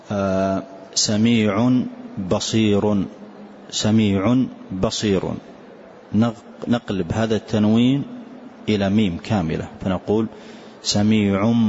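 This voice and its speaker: A man teaching a tajweed lesson, explaining slowly and reciting short words to demonstrate pronunciation. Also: lowish voice, steady tone, darkish tone. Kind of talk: classroom lesson on tajweed rules. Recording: dull lo-fi lecture recording with faint hiss.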